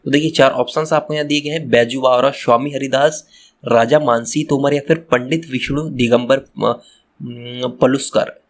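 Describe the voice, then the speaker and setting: A man's voice: mid-range voice, steady tone, moderate pace. Guy teacher going over exam answers for kids, repeats stuff a lot, talks right to the students. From Madhya Pradesh, India. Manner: repeats phrases, addresses children directly, restarts words. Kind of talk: exam answer walkthrough lesson.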